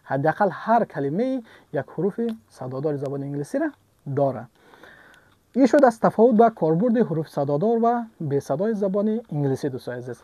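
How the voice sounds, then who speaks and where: A man gives an English lesson, his pitch swinging widely as he talks. His tone is mellow, and the sound is dry and close. He repeats example words several times and answers his own questions. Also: very animated, dry recording. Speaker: English teacher. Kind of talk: online language lesson.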